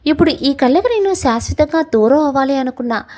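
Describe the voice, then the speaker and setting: A woman's voice: sits high, expressive, brisk, darkish tone, low-quality recording. A woman voicing a heartbroken young man who pleads tearfully and reproachfully with the woman he loves, in a spoken love story. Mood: heartbroken pleading.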